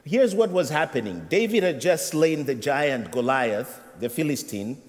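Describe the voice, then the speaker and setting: Ugandan preacher in a reverberant church. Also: male voice, on the high side, darkish tone. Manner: humorous, conversational preaching. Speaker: associate rector. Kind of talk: sermon. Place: church sanctuary.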